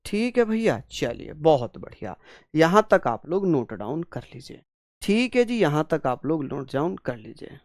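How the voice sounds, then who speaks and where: A slightly high, sing-song voice with a darkish tone belongs to a male exam-prep teacher lecturing online, a little slowly, in studio-quality sound without room noise. He drills points repetitively, voices what his students might ask, and calls them endearing names.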